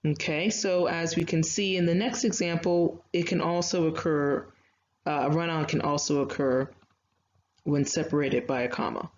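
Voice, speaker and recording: A woman's voice: low voice, steady tone, normal speed, darkish tone. A woman teacher giving an online writing lecture, explaining grammar step by step with chatty asides and fillers. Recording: slightly dull lo-fi audio, faint noise.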